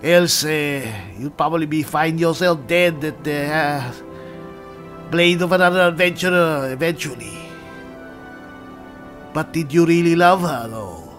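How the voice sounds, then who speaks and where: A man role-playing a hearty, loyal, bawdy barbarian adventurer in a game, speaking in halting, thoughtful phrases. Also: on the high side, a bit bright, soft background music. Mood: companionable, advising. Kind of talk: improvised game role-play.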